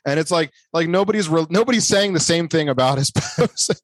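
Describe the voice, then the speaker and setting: A man's voice: a little high, brisk, no room sound. A man co-hosting a podcast in casual chat, rambling with lots of fillers and restarts. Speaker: podcast co-host.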